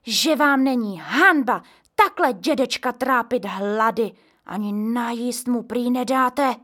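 A woman's voice: fairly high pitch, fairly bright tone. A woman voicing a nosy, gossiping neighbor lady in a storybook reading, scolding and indignant.

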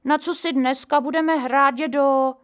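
A woman's voice: high-pitched, fairly even intonation, voice pushed up, natural voice. A woman voicing an eager, curious little boy in a storybook reading.

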